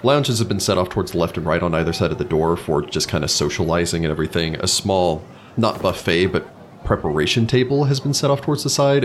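A man narrating as game master of a tabletop game, describing scenes in a relaxed way with many fillers. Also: sits low, slight background noise.

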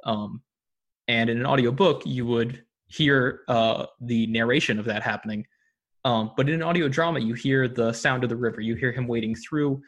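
As a podcast guest, an audio drama producer chats casually in an interview, full of enthusiasm and many ums and uhs. His mid-range voice is fairly bright, with fairly even intonation and a moderate pace.

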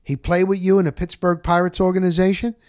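A sportscaster and podcast host, a middle-aged man with a fairly high voice, rambles through a candid story like he's off the clock. He talks quickly and colorfully, with salty language and repeated phrases for emphasis. The recording is dry, with no room sound or echo.

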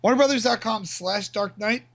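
High-voiced joking, swearing male co-host. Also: normal speed, vocal fry, no echo. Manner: loud, joking, sarcastic, swears often. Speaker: podcast co-host. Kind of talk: casual chat.

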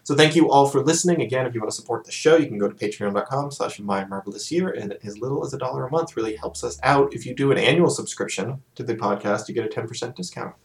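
This is a podcast host in casual chat, a man with a gravelly, medium-pitched voice who talks quickly and barely pauses. He rambles along, full of fillers and restarts.

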